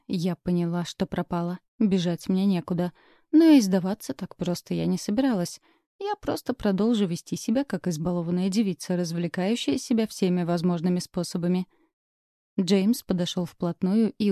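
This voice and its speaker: A woman reads a first-person romance novel aloud in an expressive, steady storytelling manner. Her voice is dark and mellow, pitched a little low. The recording is dry and close-miked, with no room sound. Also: dry recording. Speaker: audiobook narrator. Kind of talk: scripted first-person narration.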